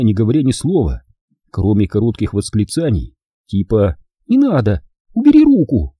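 A man reading a first-person story aloud in a wry, unhurried way. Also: on the low side, mellow, breathy edge, dry recording, clean studio sound. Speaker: narrator. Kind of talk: first-person audiobook narration.

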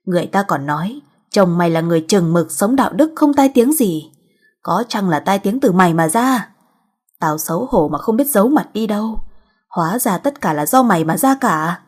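A woman voicing an angry middle-aged mother who scolds harshly and loudly, in a husky voice. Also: mid-range voice, animated, normal speed. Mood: scolding.

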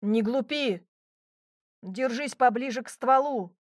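A woman voicing a calm, easygoing young man who coaxes and soothes in an audiobook. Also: fairly high pitch, slow pace, no echo, clean studio sound. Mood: coaxing. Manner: placid, coaxing. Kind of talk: audiobook reading.

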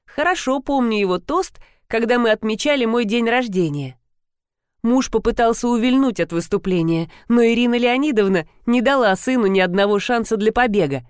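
A woman narrating a first-person audiobook in an expressive, amused way. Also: a little high, moderate pace, clean tone, no room sound, studio quality. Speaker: audiobook reader.

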